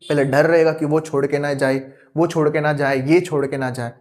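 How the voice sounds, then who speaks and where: A man's voice: a little high, fairly even intonation, normal speed, a little mellow. A young man giving an earnest spoken lecture, asking rhetorical questions over and over and mixing in English words. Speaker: youtube teacher.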